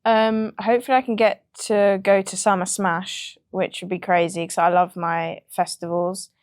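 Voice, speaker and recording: This clip has clean studio sound with no echo. A young British woman, a music producer, talks at a moderate pace in a medium-pitched voice, chatting casually in an interview with frequent ums and laughs.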